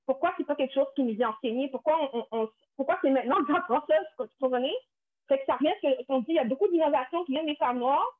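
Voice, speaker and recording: A young Québécois woman from Quebec, Canada, speaks fast in a high voice, giving earnest personal testimony on a panel. She often restarts and repeats words, and the line sounds tinny, like a phone.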